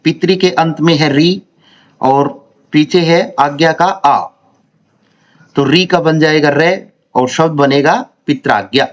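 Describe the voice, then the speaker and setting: A man teaching a grammar lesson, explaining slowly and repeating syllables one by one. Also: on the high side. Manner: slow, deliberate, repeats and spells out syllables.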